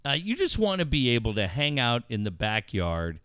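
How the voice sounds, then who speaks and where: Animated, swearing man on talk radio. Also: medium pitch, normal speed, clean tone, no echo, studio quality. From Southern California. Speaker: radio show host. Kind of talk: casual profane talk radio chat.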